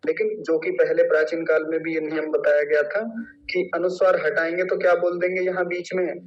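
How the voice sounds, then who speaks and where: A man teaching Sanskrit pronunciation in an online class, drawing out each syllable slowly to demonstrate. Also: on the high side, little pitch movement. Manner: slow, drawn-out syllable-by-syllable demonstration. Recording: distant, dull lo-fi mic.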